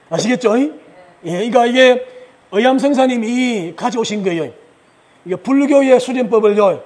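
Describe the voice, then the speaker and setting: High lively man lecturing. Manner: asks the audience questions and answers them himself; chuckles often while he explains. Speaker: lecturer at a religious training retreat.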